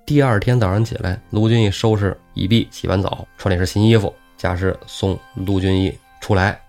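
A man co-hosting a podcast, retelling a classic novel in a lively, colloquial way. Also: sits low, a little fast, vocal fry, soft background music. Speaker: podcast co-host.

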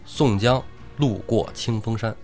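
一位男性播客主持人用生动幽默的方式讲述古典小说故事。. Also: male voice, on the low side, a little slow, faint music behind. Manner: animated, humorous retelling. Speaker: podcast co-host, storyteller. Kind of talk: lively storytelling chat.

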